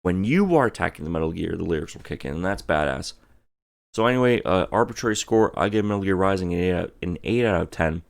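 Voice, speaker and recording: A man's voice: deep voice, expressive, fast talker, vocal fry. A drunk man giving a casual, profane video game review, emphatic and theatrical, drawing out words and repeating phrases.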